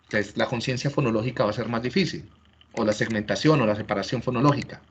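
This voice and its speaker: A man's voice: medium pitch, fast talker, a little hiss or hum. Lecturing man, dull lo-fi recording. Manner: explanatory, checks understanding with frequent rhetorical questions. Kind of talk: classroom lecture.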